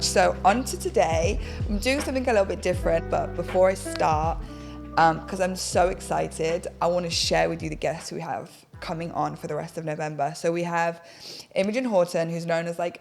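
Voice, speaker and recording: A young woman hosting a podcast chats casually in a get-ready-with-me session while doing her makeup. Her voice is on the low side and a little husky today, and she comes across as chatty, rambling and self-deprecating. She's indoors in a bright home studio, using a desk podcast mic on an arm.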